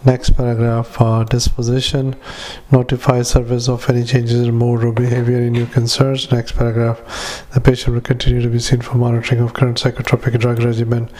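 A man, a doctor, dictating a clinical note into a dictaphone, halting often with fillers and spelling out words. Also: mid-range voice, completely flat delivery, a little mellow, slight background noise. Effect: dictaphone recording. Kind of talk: medical dictation.

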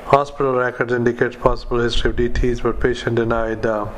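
Guy doing medical dictation, really monotone, clipped phrases, bit of background noise. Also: mid-range voice, fast. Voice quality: flat, monotone delivery. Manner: clipped fragments, spoken punctuation and formatting commands. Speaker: clinician dictating patient notes.

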